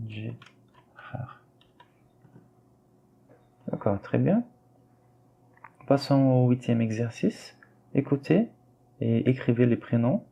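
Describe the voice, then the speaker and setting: A man teaching a French lesson, slowly and patiently repeating words for his students. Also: medium pitch, vocal fry, warm tone, dull audio, slight background noise. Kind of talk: classroom explanation while writing on screen.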